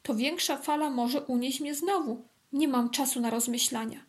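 A woman voicing a tiny, frightened female ant that pleads in a high, wistful voice. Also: normal speed, darkish tone, natural voice. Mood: worried.

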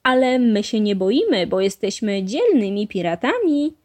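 A woman reading a children's storybook aloud, voicing an eager, brave little boy mouse with excited exclamations. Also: mid-range voice, slow.

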